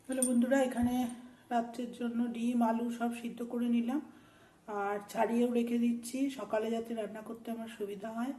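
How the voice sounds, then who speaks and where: A woman's voice: a little high, little pitch movement, brisk, dark tone. A woman with a sore throat, chatting homely in a casual cooking vlog from her home kitchen, explaining each step. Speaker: vlogger.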